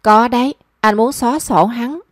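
A woman's voice: fairly high pitch, normal speed, no room sound, studio quality, lightly acted. A woman reading a young man's lines in a story, his speech pleading and self-reproaching. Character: lovesick young man, pleading and rueful.

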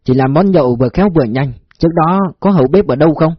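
A man's voice: fairly high pitch, racing, slightly rough, no echo, highs cut off. A man reading a story, voicing a crude, drunken secret police man who talks coarsely. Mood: prying. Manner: slurred, coarse.

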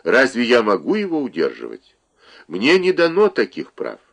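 A man voicing a fussy, scolding elderly mother, breaking into shrill outbursts in a read-aloud story. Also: wildly swooping pitch, normal speed, gravelly, exaggerated voice. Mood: stern.

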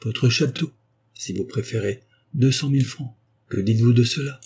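A courteous old baron of the gentry, patient and worn down by family quarrels, read by a male narrator. The voice is mellow and softly husky. He talks in a polite, measured way. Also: medium pitch. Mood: persuading. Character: weary old aristocratic baron.

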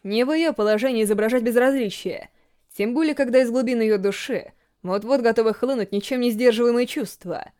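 A woman narrating a horror story in measured scripted storytelling. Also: a little high, darkish tone. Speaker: audiobook narrator.

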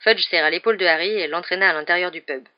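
A woman with a lowish voice narrating a storybook, calm and even. The recording is dull and lo-fi. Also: quick pace. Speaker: audiobook narrator. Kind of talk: scripted narration.

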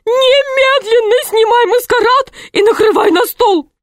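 A woman reading aloud, voicing a bossy middle-aged wife who nags and scolds in high, near-crying outbursts. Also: unhurried, dry recording, clean studio sound. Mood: commanding.

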